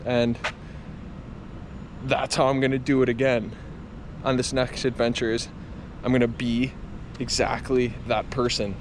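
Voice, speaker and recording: A man films himself talking outdoors, with faint street noise around him. His voice sits at an ordinary pitch. He speaks earnestly and confessionally, like a running vlogger thinking aloud. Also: little pitch movement, unhurried, long pauses. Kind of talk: reflective vlog talk to camera. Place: outdoors on a campus. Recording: clear outdoor traffic and ambient noise.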